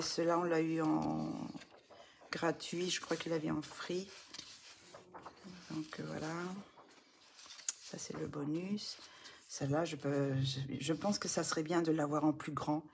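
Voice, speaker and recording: A woman's voice: low-pitched, gravelly, a little hiss or hum. A middle-aged woman chatting casually as a coloring vlogger, hesitant with many fillers and restarts. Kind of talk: casual show-and-tell.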